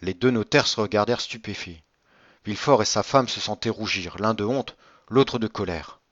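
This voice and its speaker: A man reads a classic novel aloud in a steady, measured voice at a middle pitch. The sound is close and dry, with a slightly dull, muffled top end. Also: no echo. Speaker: audiobook reader. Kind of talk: scripted narration.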